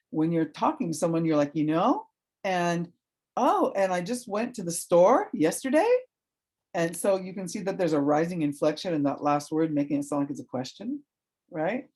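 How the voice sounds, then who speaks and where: Professor giving a recorded lecture, informal and talky, medium pitch, checks in with "right?" and "okay" all the time. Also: a little mellow. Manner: loose and informal, with fillers and restarts. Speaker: college professor. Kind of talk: recorded online lecture on communication.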